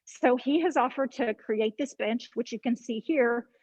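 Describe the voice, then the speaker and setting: A woman's voice: a little high, normal speed, a little mellow, no echo, highs cut off. A woman leading a casual guided tour of a library, slightly out of breath as she walks and talks, with frequent ums and restarts. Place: inside a library building, walking through stairwell and vestibule. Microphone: handheld phone camera on a video call.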